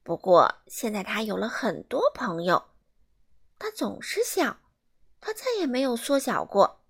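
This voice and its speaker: A woman reading a children's storybook aloud in an animated way, asking the listeners questions. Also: mid-range voice, unhurried, gravelly, husky.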